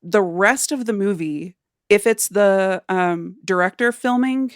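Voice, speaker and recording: A woman co-hosting a podcast, talking about a film with lively enthusiasm. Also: mid-range voice, measured pace, smooth, no echo, clean studio sound. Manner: enthusiastic, laughs often. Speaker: podcast co-host. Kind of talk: casual film discussion.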